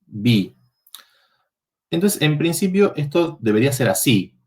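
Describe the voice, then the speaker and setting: A man's voice: a little high, sing-song, a little slow, darkish tone, slight background noise. A man teaching a university Latin workshop, explaining verb forms step by step and checking in with the students.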